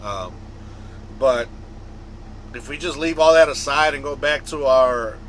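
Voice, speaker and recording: At a measured pace and in a mid-range, fairly bright voice, an American trucker vlogger chats with his viewers, drifting around and circling back. Slight background noise sits under a low-quality recording.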